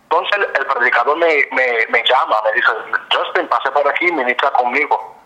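A man, a gospel singer and minister, tells his story in an interview with fervor, slipping English fillers into his talk. His voice is very bright and forward. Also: mid-range voice, moderate pace, dull audio. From United States. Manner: fervent, mixes in English fillers.

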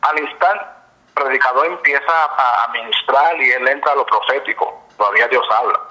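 A man, a gospel singer and minister, tells his story in an interview with fervor, slipping English fillers into his talk. His voice is very bright and forward. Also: medium pitch, normal speed, low-quality recording. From United States. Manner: fervent, mixes in English fillers.

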